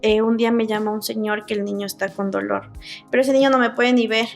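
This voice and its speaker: Gravelly-voiced woman dentist explaining. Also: fairly high pitch, fairly even intonation, fast, faint music behind. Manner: earnest, explains step by step with many asides. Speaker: dentist guest. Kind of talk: casual interview chat.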